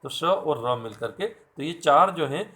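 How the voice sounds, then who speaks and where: A man's voice: on the high side, lively intonation, a little slow, pushed and bright. A man teaching a class, patiently spelling out sounds and asking his students questions. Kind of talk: classroom lecture.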